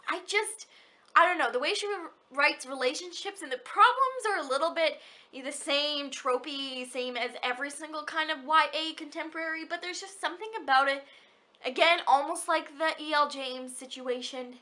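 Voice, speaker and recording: A woman's voice: sits high, moderate pace, pushed and bright. A young woman vlogging about books, gushing and rambling in a hyper way, with many restarts. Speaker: book vlogger. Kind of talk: casual chat.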